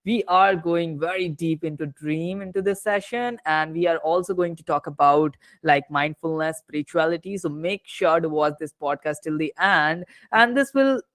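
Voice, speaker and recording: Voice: medium pitch, moderate pace, hardly any pauses, fairly bright tone, dry recording. A podcast host opening an interview, eager and rambling, with many fillers and restarts.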